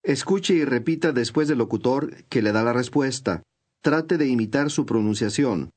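A man reading scripted instructions for a language course, clear and measured. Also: mid-range voice, animated, darkish tone.

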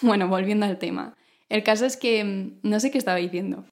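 A woman speaks at an average pitch, with an R that comes from the throat. She hosts in a conversational monologue style, explaining things informally and addressing the listener directly. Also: a little fast, darkish tone. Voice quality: throaty, guttural R. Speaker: podcast host. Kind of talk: conversational self-improvement monologue.

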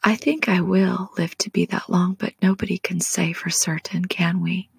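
Woman, 40s, low gravelly whisper, gentle devotional ASMR-style guide. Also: flat delivery, no echo, studio quality. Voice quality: breathy whisper. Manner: slow, soft and prayerful, speaks directly to the listener.

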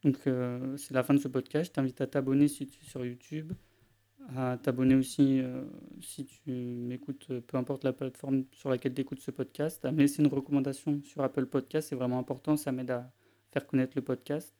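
Young french guy doing a solo podcast, chill and informal, kinda flat intonation, stops and restarts a lot. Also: mid-range voice, brisk. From France. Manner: informal, addresses listener as "tu", many restarts and fillers. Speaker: podcast host, language learning. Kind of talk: casual solo podcast talk.

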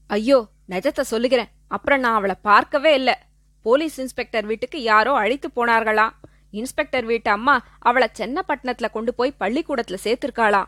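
A woman's voice: fairly high pitch, moderate pace, fairly bright tone, no echo, studio quality, close to an everyday voice. A woman voicing a cowardly older man who begs for mercy between sobs. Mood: pleading. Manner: whimpering, begging.

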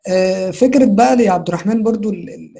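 High-voiced rapid host. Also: male voice, vocal fry, dark tone, breathy edge. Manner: brief agreeing interjections, then leads to the next topic. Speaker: podcast host. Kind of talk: casual interview.

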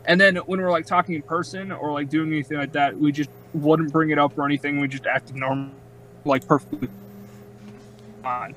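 A man's voice: fairly high pitch, fairly even intonation, a little fast, a bit bright, a little hiss or hum, rough recording. A young man co-hosting a podcast, talking casually and rambling with lots of filler words. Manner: rambling, heavy use of "like". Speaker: podcast co-host. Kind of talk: casual chat.

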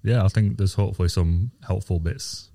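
Man, podcast host, deep dark voice, even delivery, casual, calm. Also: moderate pace, vocal fry. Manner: calm, hesitant, repeats words.

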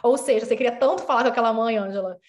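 A woman's voice: on the high side, racing. A woman psychologist hosting a podcast, talking with hesitations and restarts. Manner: hesitant, many fillers and restarts. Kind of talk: podcast conversation.

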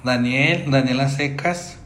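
A Mexican man banters casually on a podcast at an ordinary, mid-range pitch. He keeps tossing out names and asking follow-up questions. The recording has an echoey room sound with a faint background hiss. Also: slow pace, fairly bright tone. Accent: Mexican Spanish. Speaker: podcast co-host. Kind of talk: casual chat.

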